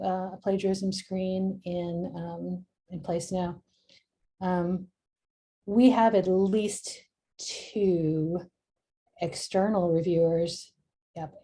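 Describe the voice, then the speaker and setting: A middle-aged woman, a journal editor, giving a relaxed screen-share tutorial and thinking aloud with frequent ums. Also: lowish voice, slightly rough.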